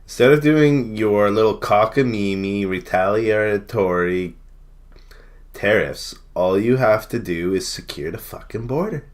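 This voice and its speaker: A man's voice: fairly low pitch, measured pace. A Canadian man ranting and reacting to clips, profane and mocking, often breaking into laughter. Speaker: streamer. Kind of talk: casual reaction rant.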